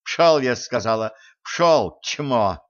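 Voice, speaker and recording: A man's voice: lively intonation, takes it slowly. A man voicing a drunk, enraged woman who screams curses at her husband, in a dull audiobook recording. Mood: shrieking threat. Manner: screaming insults, shrill.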